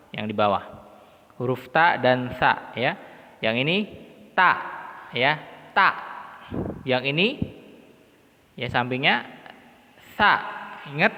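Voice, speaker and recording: A man's voice: a little high, pushed and bright. A man teaching Quran letter reading, patiently repeating syllables one by one for the learner to follow. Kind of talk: slow step-by-step lesson. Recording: lo-fi recording in a reverberant room.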